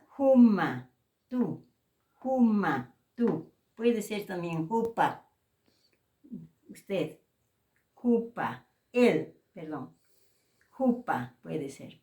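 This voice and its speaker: Slow, deliberate woman teaching pronunciation. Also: medium pitch, mellow. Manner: repeats each word slowly and distinctly. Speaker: language teacher. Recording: echoey room, voice from far off.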